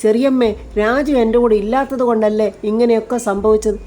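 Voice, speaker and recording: Desperate betrayed daughter, voiced by a woman narrator; pleading, a touch high. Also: steady tone, a little fast, mellow, lightly acted.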